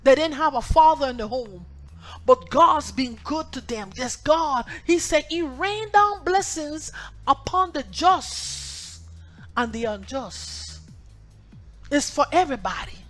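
A woman preaches a sermon in a high voice, hammering home her points through repetition. Her delivery swings from low and quiet to loud and forceful. Soft music plays faintly underneath. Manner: emphatic, repetitive preaching cadence with swings in loudness.

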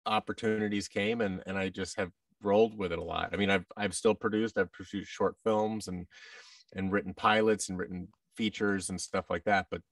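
Rambling and self-deprecating, an American interview guest in his thirties who acts and produces audio dramas chats casually. His low-pitched voice keeps fairly even intonation at normal speed, with no room sound but a distant mic. He's in a large indoor office room, on a video call with a headset and boom-arm microphone.

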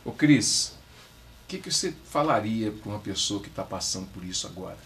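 A man's voice: on the low side, animated, brisk, gravelly, a bit bright, slight background noise. A man with a Brazilian accent hosting a talk show in a chatty way, asking questions and thanking his guests.

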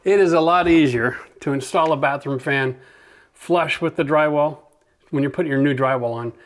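A man's voice: a little high, normal speed. A middle-aged man hosting a DIY renovation video, chatty and upbeat, explaining his work in a gutted bathroom. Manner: upbeat, chatty, swears and laughs freely. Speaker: renovation channel host. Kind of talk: casual DIY walkthrough.

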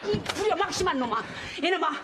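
A scheming, fawning middle-aged mother-in-law from a TV drama. Her voice sits high, and her rustic folksy speech swings between loud scolding and wailing. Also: animated, brisk, noisy background. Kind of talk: television drama acting.

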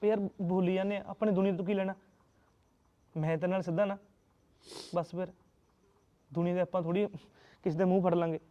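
A man's voice: high-pitched, fairly even intonation, fairly quick, long pauses, lo-fi sound, close to an everyday voice. An actor with a Punjabi accent playing a young jobless husband who pleads and reassures his wife in a short film.

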